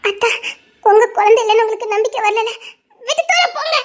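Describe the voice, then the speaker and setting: A woman's voice: very high-pitched, a little fast. A woman with a Tirunelveli Tamil accent playing a hurt, proud young wife who is tearful and defiant and keeps pushing her husband away.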